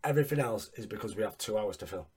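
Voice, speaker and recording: A man hosting a casual recap chat with sweary, excitable fan talk. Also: on the low side, rapid-fire, breathy edge. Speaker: wrestling podcast host.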